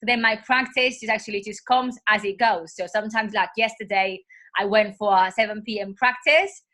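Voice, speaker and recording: A woman with a cold speaks in a husky yet bright, forward voice. She talks as a yoga teacher in a casual interview and drifts between thoughts with gentle fillers and self-corrections. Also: medium pitch, fairly quick. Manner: meandering, full of soft fillers and restarts.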